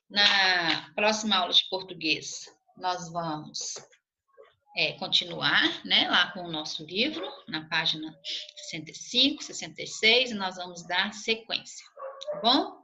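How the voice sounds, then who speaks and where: A woman teacher walks her pupils through their exercises in a recorded remote lesson. Her voice is bright and ringing, and she slows right down to draw out each word ending. She keeps checking that everyone is following along. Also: mid-range voice, slight background noise. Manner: slow, drawn-out syllables when spelling out endings, checking in with "tá bom?".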